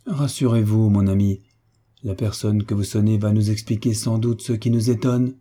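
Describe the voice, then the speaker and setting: A man voicing a calm young duchess who reassures her friend in a soothing way. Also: lowish voice, normal speed, close to an everyday voice. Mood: reassuring.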